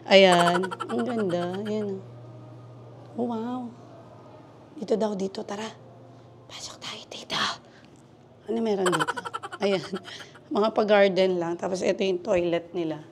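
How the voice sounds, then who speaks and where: A woman's voice: medium pitch, unhurried, noisy background. A woman from the Philippines giving a chatty, gushing walking tour of a cafe garden on her handheld phone, switching between Tagalog and English. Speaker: travel vlogger. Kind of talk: casual walking tour vlog. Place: cafe garden during heavy rain.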